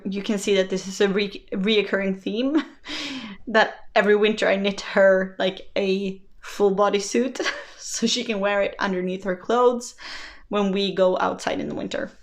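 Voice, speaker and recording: A woman talks casually through her knitting projects. Her pitch sits in a middle range. She laughs often and is quick to joke about her own mistakes. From Sweden. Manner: chatty, laughs often, self-deprecating. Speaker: knitting vlogger. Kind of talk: casual chat.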